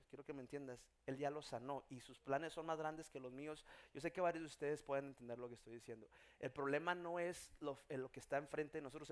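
A man preaching a sermon as pastor, building from hushed storytelling to shouted emphasis. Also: a little high.

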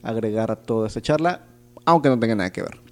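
A man hosting a podcast, chatting with his guest in a relaxed, easygoing way. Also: fairly low pitch, fast talker. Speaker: podcast host. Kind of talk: casual interview chat.

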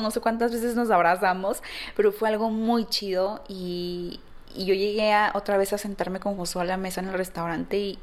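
A woman with a Mexican Spanish accent hosting a podcast, telling a personal travel story in a chatty, animated way with many fillers. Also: medium pitch. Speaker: podcast host.

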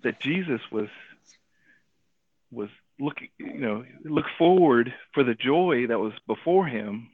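A man telling a personal story and drawing a faith lesson from it, animated, acting out the people he quotes and often adding "right?". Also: mid-range voice, measured pace, husky. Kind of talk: casual radio talk. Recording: tinny phone-like radio audio.

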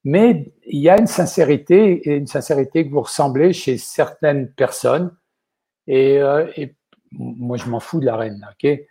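Speaking casually as an interview guest, this older chef, accented in Quebec French, wanders from point to point and keeps tagging his sentences with "ok?". His medium-pitched voice is mellow, slightly rough, and a little slow.

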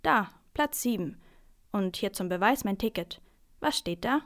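A woman voicing a grumpy grown man on a train in a storybook reading, with a mumbling, gruff manner. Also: mid-range voice, expressive, moderate pace, natural voice.

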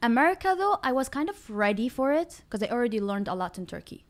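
Young adult woman from Iraq, animated and chatty guest in an interview. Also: on the high side, quick pace. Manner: animated, laughing storyteller. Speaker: YouTuber guest. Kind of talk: casual interview chat.

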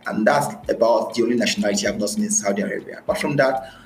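Racing through his words in a lowish voice, a Nigerian-accented man from Nigeria recounts his experiences during a conversational podcast interview, repeating phrases for emphasis. A little hiss or hum is audible, along with roomy echo and faint music.

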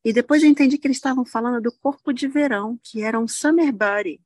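A young adult woman from Rio de Janeiro with a Carioca accent, a lively guest telling stories on a video call from a park and laughing often. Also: fairly high pitch, fast, no room sound, clean studio sound. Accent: Carioca Brazilian Portuguese. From Rio de Janeiro, Brazil. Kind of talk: casual chat, anecdotes. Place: outdoors in a park.

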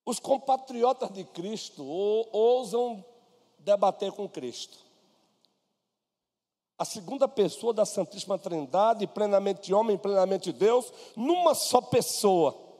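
Speaking slowly in a high, mellow and expressive voice, a pastor with a Brazilian Portuguese accent delivers a sermon. He chats with listeners by name and mixes in personal stories, with long reverb from the church hall.

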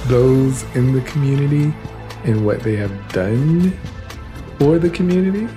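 A man's voice: mid-range voice, animated, measured pace, over music. A young man co-hosting a casual podcast, answering trivia with easygoing short replies. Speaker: podcast co-host. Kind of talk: casual chat.

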